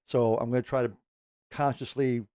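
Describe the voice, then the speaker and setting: A man's voice: mid-range voice, flat delivery, moderate pace, warm tone, clean tone, dry recording. A middle-aged man hosting a music reaction channel, chatting casually to camera in a rambling, self-correcting way and swearing now and then.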